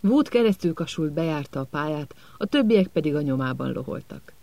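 A man narrating an audiobook in a calm, measured storytelling manner. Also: fairly high pitch, gravelly, no room sound.

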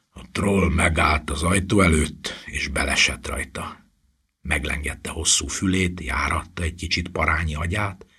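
Deep husky male storyteller. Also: fairly bright tone. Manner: suspenseful, often dropping to a whisper. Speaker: audiobook narrator. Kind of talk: scripted narration.

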